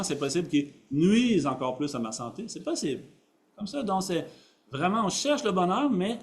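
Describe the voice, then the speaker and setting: A man giving a Buddhist teaching to an audience. He uses simple phrasing, builds each point from everyday examples, and often checks in with "ok?". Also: fairly high pitch. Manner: builds his points from everyday examples, repeating key words. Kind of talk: dharma talk to an audience.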